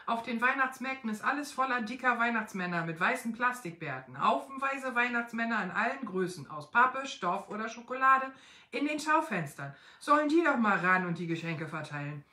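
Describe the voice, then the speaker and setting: A woman voicing a relaxed, cheerful, slim Father Christmas who wants a holiday, in an echoey room. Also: a little high, moderate pace. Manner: easygoing, cheerful.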